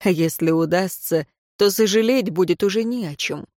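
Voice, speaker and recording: A woman's voice: lowish voice, normal speed, darkish tone, dry recording. Woman reading a novel, dry close sound. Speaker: audiobook reader. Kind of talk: scripted narration.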